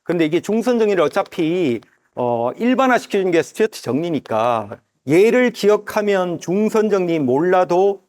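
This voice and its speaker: A man teaching a math lesson at a whiteboard, who talks to the parts of the figure as "you" and reads formulas slowly and repeats each step aloud. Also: sits high, big pitch swings, darkish tone. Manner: drawn-out, slow reading of formulas.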